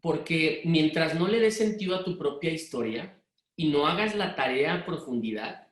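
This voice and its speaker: Middle-aged Mexican man with a Monterrey-influenced accent, hurried and direct, running a parenting workshop in a roomy, echoing space. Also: a little high, animated. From Mexico City. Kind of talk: live workshop talk to parents. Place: room with an audience.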